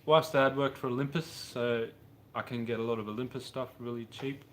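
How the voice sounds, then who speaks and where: Speaking fairly quickly with fairly even intonation and a medium pitch, an Australian man in his thirties answers viewers on a casual livestream. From Brisbane, he rambles in a laid-back, slangy way from his home mechanic workshop, where a car is on a hoist, with slight background noise.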